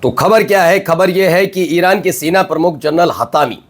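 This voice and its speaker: A man hosting a news commentary show, emphatic and full of rhetorical questions and drawn-out pauses. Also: fairly high pitch. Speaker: news anchor.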